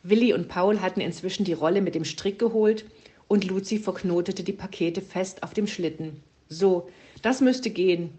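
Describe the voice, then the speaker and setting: A woman reading a children's story aloud in a calm, steady tone. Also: lowish voice, moderate pace, a little hiss or hum.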